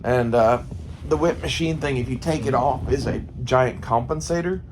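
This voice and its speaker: A man's voice: mid-range voice, moderate pace. An American man in a casual, rambling monologue, thinking aloud and swearing freely. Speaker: gun hobbyist vlogger. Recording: faint background noise. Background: faint ambient noise.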